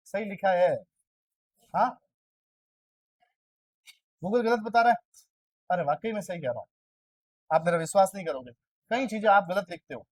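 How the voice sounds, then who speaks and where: A man's voice: high voice, no room sound, recorded from a distance, poor audio. A male teacher giving an exam-prep lecture in a classroom, chatty and argumentative, constantly quizzing the class and voicing their questions himself. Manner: chatty, argues playfully with students.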